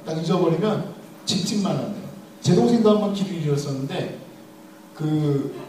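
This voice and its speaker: A young man preaching in a big, echoey hall, his voice picked up from some way off. His tone is warm and slightly raised, and he swings up and down freely as he tells a humorous story and speaks to the congregation. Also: a little high, slight background noise. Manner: humorous storytelling, addressing the audience directly. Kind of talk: sermon. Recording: echoey hall, mic at a distance.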